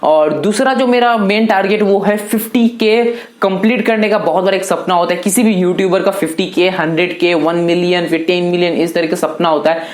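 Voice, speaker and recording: A man's voice: high-pitched, fairly even intonation, moderate pace. An eighteen-year-old man answering viewer questions in a casual, chatty vlog, loosely talking to viewers as brothers. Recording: echoey room.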